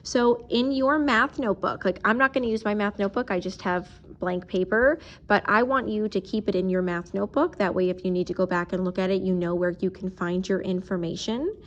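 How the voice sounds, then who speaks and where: Female teacher, mid-pitched, patient, step-by-step math lesson voice, occasionally slows down while writing. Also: muffled recording. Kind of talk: recorded math video lesson.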